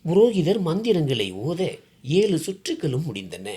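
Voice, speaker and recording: A woman reads a first-person family story with heartfelt feeling. Her pitch moves in wide, lively swings. Her delivery is expressive and emotional throughout. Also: a little slow.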